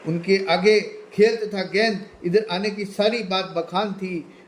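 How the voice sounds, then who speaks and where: A man tells a devotional legend in a high-pitched voice. He narrates reverently and gives the characters' pleas and replies in his own voice. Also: fairly even intonation, takes it slowly, a little hiss or hum. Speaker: storyteller.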